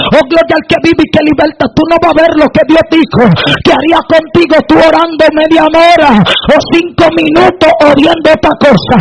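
A woman preacher delivering a fervent sermon, often breaking into shouted praise. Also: very high voice, rough recording.

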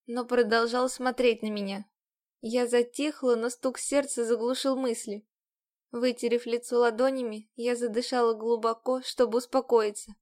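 A woman reading a novel aloud in the first person, with a fairly high voice. She tells the story in an even, measured way. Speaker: audiobook narrator. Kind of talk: scripted first-person narration.

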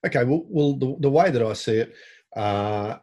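A man's voice: mid-range voice, expressive, moderate pace, a little mellow. A man with an Australian accent co-hosting a casual sports podcast, with dry, self-deprecating humour. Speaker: podcast co-host.

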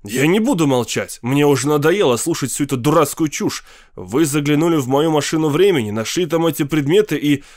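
A man's voice: medium pitch, a little slow, no room sound, clean studio sound, lightly acted. A man voicing an indignant, bewildered male professor in a storybook reading, protesting and exasperated.

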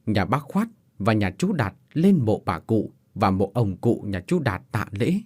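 A male storyteller narrates a village ghost story with expressive delivery. His voice is husky, and his pitch swings widely up and down. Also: measured pace. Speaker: storyteller host.

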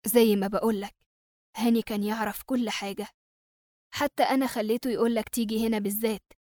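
A woman voicing a calm old Egyptian father. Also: on the high side, fast talker, dry recording, clean studio sound, lightly acted. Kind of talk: audiobook character reading.

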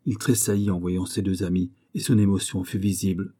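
A man narrating a classic novel as an audiobook in a measured, even storytelling manner. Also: deep voice.

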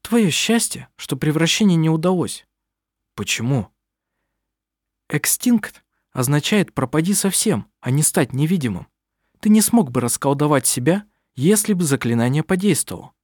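A man reading aloud, voicing a proud, sharp-tongued middle-aged witch who is a mother, with dry, cutting remarks. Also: fairly high pitch, animated, normal speed, no room sound, pitched above the performer's own voice. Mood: wry.

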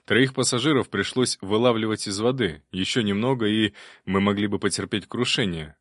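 A man's voice: on the low side, normal speed, no echo, lightly acted. A man voicing a reproachful middle-aged steamship captain who speaks formally and earnestly, in a dry recording. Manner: reproachful, then respectful. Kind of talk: audiobook character voice.

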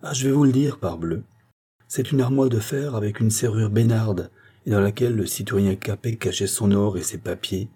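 A man's voice: fairly low pitch, moderate pace, dark tone, slightly rough. A man voicing a sick, bitter old male locksmith who grumbles with resentment. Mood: resentful.

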